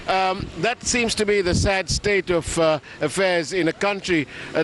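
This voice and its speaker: A man's voice: fairly high pitch, a bit bright, rough recording. A man reporting live from a city street and interviewing passersby, talking casually with many fillers. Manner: conversational, frequent fillers. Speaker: news reporter. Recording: outdoor street with traffic noise.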